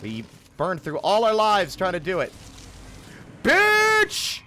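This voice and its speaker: Higher-pitched, chatty male game streamer. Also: very animated, moderate pace, fairly bright tone, faint music behind. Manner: informal, chatty, self-interrupting. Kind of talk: casual live stream chat while playing.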